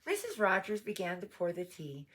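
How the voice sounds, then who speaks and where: A woman's voice: mid-range voice, slight background noise. A woman reading a children's picture book aloud, with chatty asides to her dog. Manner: slow, animated, chatty asides. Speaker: storybook reader.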